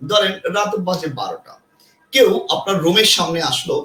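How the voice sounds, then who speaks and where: A man with a high, bright voice teaches a live online class, asking his viewers questions and repeating each point. The sound carries the echo of an indoor room with a ceiling fan. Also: sing-song, a little fast.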